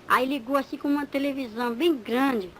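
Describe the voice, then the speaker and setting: High-voiced woman giving testimony. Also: fairly quick, a little hiss or hum, poor audio. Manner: animated storytelling, acting out dialogue. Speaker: church member giving testimony. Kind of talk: spoken religious testimony.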